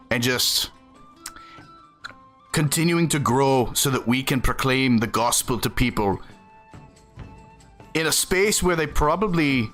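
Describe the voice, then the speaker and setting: A gaming streamer from the Southern United States chats earnestly with his live audience while he plays, answering chat between bits of gameplay. His mid-range voice has a slightly bright quality.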